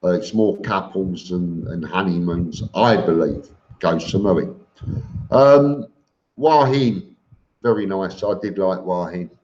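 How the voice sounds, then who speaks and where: A man's voice: low voice, slow, darkish tone. A man hosting a casual live stream, reading out comments and answering them in an informal, blunt, matey way. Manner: informal and blunt, calls listeners mate. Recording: dull lo-fi live stream audio.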